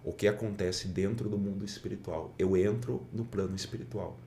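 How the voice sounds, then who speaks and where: A man's voice: deep voice, steady tone, moderate pace, mellow, a little hiss or hum. A middle-aged man, a pastor and podcast guest, telling a testimony in an earnest way and acting out the dialogue he quotes. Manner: earnest storyteller, often acts out quoted dialogue.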